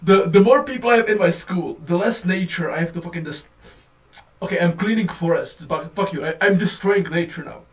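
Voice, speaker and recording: Man ranting on a low-quality phone recording. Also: fairly quick, far from the mic. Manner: profane, rambling, animated. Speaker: vlogger. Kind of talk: casual rant to camera.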